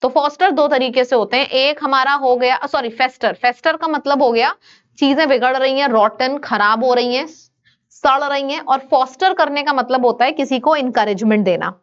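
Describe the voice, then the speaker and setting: A woman with an Indian accent teaching an online exam-prep vocabulary lesson, brisk and coaxing, switching between Hindi and English. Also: high voice, muffled recording.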